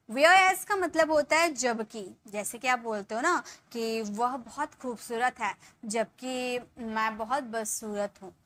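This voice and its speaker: Slow, bright-voiced woman teaching English. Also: fairly high pitch, no room sound. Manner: slow dictation of example sentences, trailing off softly at sentence ends. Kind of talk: spoken English lesson.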